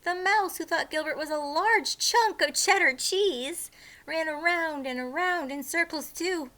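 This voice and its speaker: A woman with a high, bright voice reads a picture book aloud to young children. She takes it slowly and expressively, mixing animated storytelling with hushed asides to her listeners. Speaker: teacher reading aloud to children.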